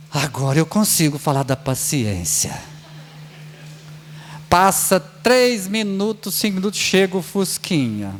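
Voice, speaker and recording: Animated high-voiced Brazilian man lecturing. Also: a little hiss or hum. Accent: Brazilian Portuguese. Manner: storytelling, acts out voices of people in his anecdotes. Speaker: spiritist lecturer. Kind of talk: spiritist lecture. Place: lecture hall of a spiritist center.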